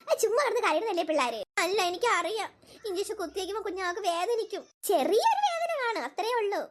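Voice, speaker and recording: A squeaky, sky-high cartoon family of girls and their mother, all voiced by one woman. She snaps between shouty sibling bickering and soft cooing over babies. A steady hiss of background noise sits under the voice. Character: chatty young sisters and their mother. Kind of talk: animated cartoon voice acting. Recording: noisy home recording.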